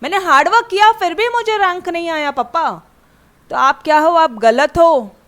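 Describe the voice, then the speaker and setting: A woman's voice: very high-pitched, normal speed, pitched above the performer's own voice. A woman acting as an indignant teenage girl student. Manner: loud indignant complaining. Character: upset teenage girl student scolding her family.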